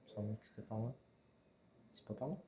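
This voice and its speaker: A man with a fairly low voice gives loose let's-play commentary from home. He mutters half to himself, chuckles often and coaxes the game creatures. A faint hiss sits under his voice. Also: fairly even intonation, fast talker, mellow, highs cut off. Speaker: gamer playing a survival game.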